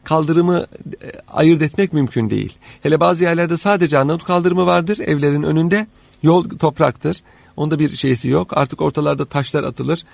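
A man explaining history in conversation as an expert guest, haltingly, pausing mid-sentence and rephrasing as he goes. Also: fairly high pitch, vocal fry, no echo. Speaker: interviewed guest, expert on old Istanbul.

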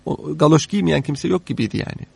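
A man explaining history in conversation as an expert guest, haltingly, pausing mid-sentence and rephrasing as he goes. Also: on the high side, animated, vocal fry, a little mellow, breathy edge, no echo. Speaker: interviewed guest, expert on old Istanbul.

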